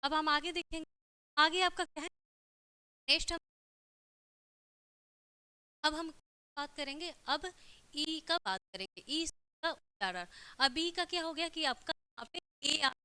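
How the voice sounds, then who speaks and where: Teaching a class, this Hindi-accented woman speaks high and unhurried, pausing often, with a bright, forceful tone. The recording is dry, and she keeps repeating herself, tacking a "theek hai" check onto almost every phrase.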